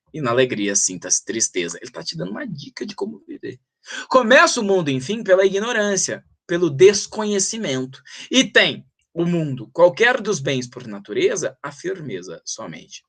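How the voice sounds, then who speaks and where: A middle-aged man with a Brazilian accent teaching a literature lesson, reading verse aloud and drawing out syllables as he counts the meter. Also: fairly high pitch. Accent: Brazilian Portuguese. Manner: animated, drawn-out syllables when reading verse. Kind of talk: literature lesson for exam prep.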